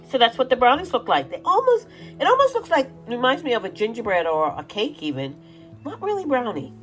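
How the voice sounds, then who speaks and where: A woman's voice: medium pitch, a little mellow. A woman vlogging casually as she tastes her baking, chatty and prone to fillers and trailing off. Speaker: homesteading vlogger. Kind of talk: casual cooking vlog.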